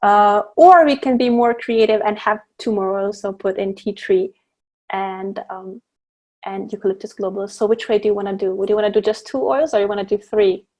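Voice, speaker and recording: A woman's voice: medium pitch, fairly even intonation, a little fast, darkish tone. Woman teaching oil blending, many fillers. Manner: hesitant, with many fillers and restarts, explaining step by step. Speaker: guest presenter teaching essential oil blending. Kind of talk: online teaching demonstration.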